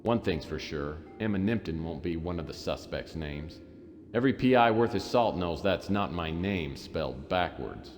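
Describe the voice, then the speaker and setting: A man's voice: deep voice, animated, normal speed, long reverb tail, faint music behind. An actor playing a wisecracking hard-boiled male detective, narrating in a dry, sardonic noir style. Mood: wry. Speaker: game narrator and lead character. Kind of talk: 1990s game voice acting.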